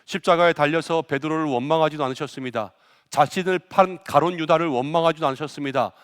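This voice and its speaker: A man's voice: on the high side, fast talker, fairly bright tone, clear, resonant tone. A male pastor preaching a Good Friday sermon, acting out quoted lines with rising force. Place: church sanctuary. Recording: long church reverb.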